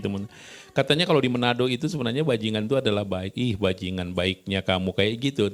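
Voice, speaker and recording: A male pastor preaching a sermon in a church, talking in a conversational way and often addressing the congregation directly. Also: mid-range voice.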